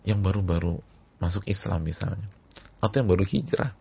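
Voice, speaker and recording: Gravelly low-voiced preacher. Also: male voice, brisk. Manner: animated, casual slang, swings loud to soft. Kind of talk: sermon. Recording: dull lo-fi audio recording.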